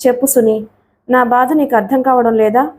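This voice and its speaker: A woman voicing a heartsick young man begging on the phone in a storybook reading, reproachful and pleading. The voice sits fairly high with a mellow, warm tone. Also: steady tone, moderate pace, close to an everyday voice.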